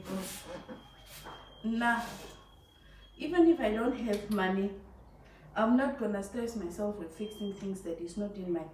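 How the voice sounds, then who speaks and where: Here the Namibian vlogger talks in a mid-range, slightly mellow voice, with a little hiss or hum in the audio. She wanders from topic to topic with her viewers while building a rack and straightening up the tiled bathroom. It's a distant capture in a very echoey room.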